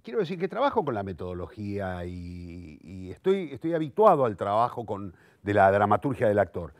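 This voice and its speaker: In a clean, echo-free studio recording, a man in his sixties, a playwright, director and theatre teacher, speaks at normal speed in a lowish voice with big pitch swings. His Rioplatense Argentine Spanish flows reflectively and eloquently in this interview, though he self-corrects and thinks aloud, often repeating words while searching for the next one.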